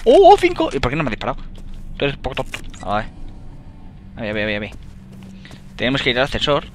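A young man with a Spain Spanish accent giving let's play commentary, excitable, swearing and yelling at enemies as he plays. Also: mid-range voice, fast talker, faint music behind. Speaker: gamer.

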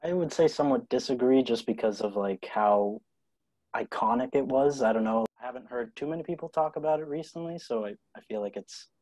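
A young man from the United States, a student, speaking in a relaxed way in a casual video call chat. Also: mid-range voice, a little fast, no echo, poor audio. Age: young adult. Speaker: second-year student.

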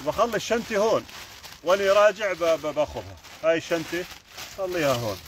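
A man with a Jordanian Arabic accent talks in a loose, chatty way on a live stream from a forest. His voice sits a little high for a man. He keeps pointing things out to his viewers as he goes, recorded outdoors on a phone held in his hand. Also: animated, fast talker, background noise. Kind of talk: casual live-stream chat while foraging.

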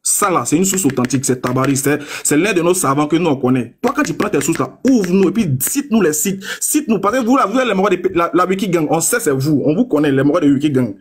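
A young man in a combative live-stream debate, taunting his opponents and reading a source text aloud slowly and deliberately. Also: fairly high pitch, husky. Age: young adult.

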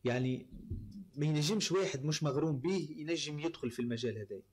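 A man's voice: a little high, fast, a little mellow, breathy edge. A man with a Tunisian accent, a voice-over artist speaking as an interview guest, explaining his craft point by point with many fillers. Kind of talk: casual interview talk.

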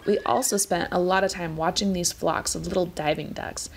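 A woman in her thirties narrating a sailing travel vlog in a calm, gently wry voice-over. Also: on the low side, normal speed, gravelly, a little hiss or hum. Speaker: sailing vlogger.

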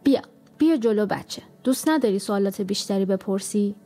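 A woman's voice: medium pitch, lively intonation, mellow, soft background music. A woman voicing a sneering, commanding old witch in a storybook, with a nasal, sarcastic manner. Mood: coaxing. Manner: sarcastic, bossy.

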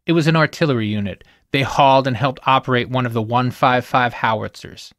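A man hosting a podcast, reading scripted documentary narration in a measured, solemn way with emphatic rises. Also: medium pitch, a bit bright, no room sound, clean studio sound.

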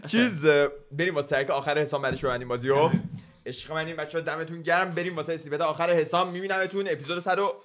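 A man's voice: fairly high pitch, fairly even intonation, a bit bright. A young man from northern Iran hosting a casual podcast chat, joking and laughing often. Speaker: podcast host.

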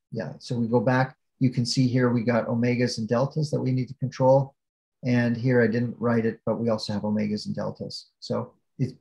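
A man's voice: mid-range voice, gravelly, dark tone, poor audio. A man giving an academic keynote lecture over a video call, explaining step by step with frequent fillers and restarts. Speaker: keynote speaker.

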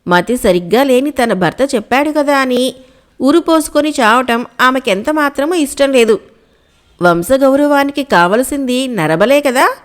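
A woman narrating a children's folk tale, reading steadily and clearly. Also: high-pitched. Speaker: storyteller.

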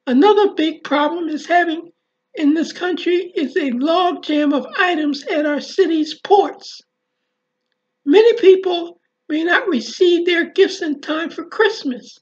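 Slow, high-voiced woman author. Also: darkish tone. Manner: slow, deliberate, spells words out. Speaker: author and speaker. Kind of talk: reading a memoir, then a presentation. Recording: dull lo-fi recording.

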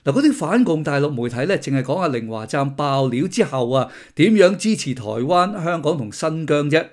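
A man's voice: fairly high pitch, animated, fairly quick. Sardonic man commentator. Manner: sardonic, mocking asides. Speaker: host of a commentary channel. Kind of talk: casual political commentary.

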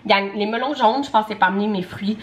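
A young woman with a Québécois French accent talks easily to her camera, rambling with fillers and little asides. Her voice sits at a middle pitch. A faint hum of noise runs under the recording. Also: brisk. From Quebec, Canada. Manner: chatty, many fillers and asides. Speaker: vlogger. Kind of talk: casual vlog chat.

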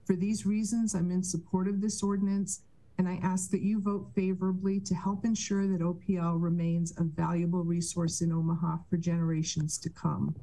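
A middle-aged woman on a video call from a room at home, reading a prepared statement of support to a council in a measured, formal way. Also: lowish voice, little pitch movement, dark tone, poor audio. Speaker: public testifier.

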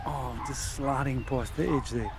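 A man's voice: medium pitch, fairly even intonation, unhurried. A man working as a golf commentator, describing tournament shots as they happen. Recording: clear outdoor background noise. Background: outdoor course ambience.

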